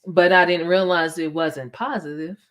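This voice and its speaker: Low-voiced woman sharing her testimony. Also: steady tone, moderate pace. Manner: reflective, candid, many soft affirmations. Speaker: guest speaker.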